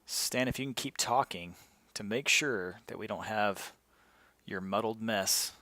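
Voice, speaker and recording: A man's voice: on the low side, a little slow, bright, forceful tone, dry recording. A man hosting a live stream in an upbeat, chipper manner, like a game show host. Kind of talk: casual live-stream chat.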